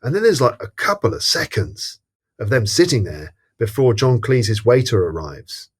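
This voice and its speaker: A man's voice: medium pitch, big pitch swings, moderate pace, breathy edge. A man co-hosting a podcast, talking through a comedy film in a thoughtful, hesitant way with many restarts. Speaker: podcast co-host. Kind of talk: casual film review chat.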